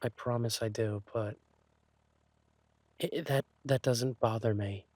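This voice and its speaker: A man playing an insecure, lovesick thief boyfriend in a romantic audio role-play, speaking haltingly and tenderly. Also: mid-range voice, fairly even intonation, a little mellow, no room sound, close to an everyday voice. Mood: troubled, tender. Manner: hesitant, halting, sighing delivery.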